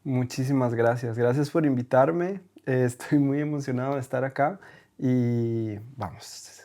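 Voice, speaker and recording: A Costa Rican man who teaches German appears as a podcast guest in Berlin, telling his story in a casual conversational interview. His medium-pitched voice is unhurried and mellow. He hesitates a lot and leans on tag questions.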